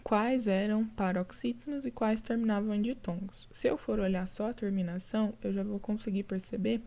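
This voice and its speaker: A woman's voice: medium pitch, fairly even intonation, normal speed, dark tone. A woman teacher with a Brazilian Portuguese accent, patiently going over exercises in a recorded lesson and checking in with her students often. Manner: patient, explaining step by step with frequent "tá?" checks.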